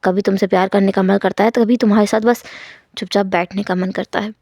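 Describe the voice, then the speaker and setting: A woman voicing a tender, devoted young husband who speaks gently and low, in a read-aloud fanfiction story. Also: steady tone, fast, no room sound, studio quality, close to an everyday voice.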